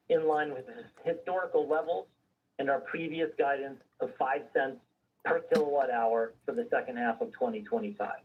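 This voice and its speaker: On a conference call, a company executive formally reads a prepared presentation of financial results, a scripted earnings call. His husky, medium-pitched voice sounds distant from the mic, with phone-quality audio.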